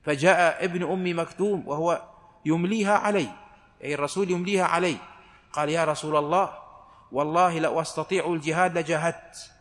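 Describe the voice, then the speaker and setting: A man giving a measured religious lesson, reciting verses slowly and explaining them with steady deliberation. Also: fairly high pitch. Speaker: Islamic scholar giving Quran commentary. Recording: long hall reverb.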